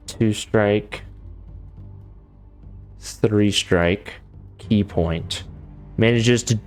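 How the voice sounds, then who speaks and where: A man running a tabletop game as game master, talking casually with many fillers and restarts. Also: medium pitch.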